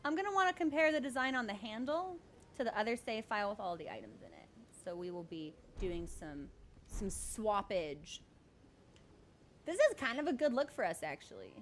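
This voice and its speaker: A woman giving casual, jokey live commentary as she streams a game, speaking in an animated way and swearing freely. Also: medium pitch, normal speed, slight background noise.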